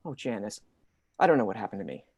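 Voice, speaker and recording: A woman's voice: a bass voice, very animated, fast talker, gravelly, darkish tone, slightly rough, no room sound, clean studio sound, voice pushed down, full character voice. A woman playing a bumbling, henpecked husband who stammers and sounds exasperated during an improvised comedy scene.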